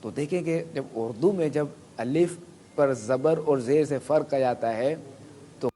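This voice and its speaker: A man's voice: medium pitch, mellow, a little hiss or hum. A man preaching a sermon, explaining Quran pronunciation through spoken examples and asking his listeners to raise their hands. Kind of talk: sermon to a live audience.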